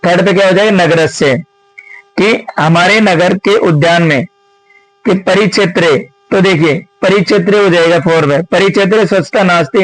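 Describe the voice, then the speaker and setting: A man's voice: sits high, fairly bright tone, low-quality recording. A man teaching Sanskrit, going through exam answers step by step and often asking a question, then answering it himself. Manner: explains step by step, often asks and answers his own questions; addresses viewers as friends. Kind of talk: exam answer-key lesson.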